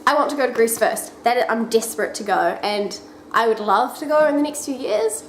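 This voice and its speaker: A young woman with a New Zealand accent chats casually to her camera, wandering off-track and filling her answers with ums. Her voice sits a little high. The room is echoey with a faint background hum. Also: animated, normal speed. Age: 20s. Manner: chatty, rambling, many "um"s and restarts. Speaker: vlogger. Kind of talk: casual chat answering questions.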